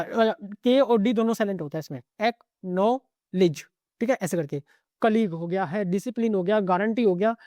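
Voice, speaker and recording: A man teaching an exam-prep lesson in a relaxed, unscripted way. His tone is soft and mellow, and the sound is close and dry with no room around it. He runs quickly through lists of words and keeps checking in with the listener. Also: high-pitched, no echo. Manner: rattles through word lists, peppering every line with 'okay'. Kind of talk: casual spoken lesson.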